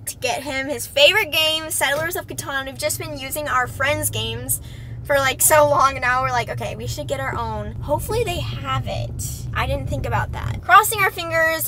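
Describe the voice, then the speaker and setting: Chatty excitable young woman vlogging on a handheld cam, high voice, lots of traffic noise behind. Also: moderate pace. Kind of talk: casual vlog talk to camera. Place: on the go, in a car and stores. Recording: noisy vlog audio with traffic sounds.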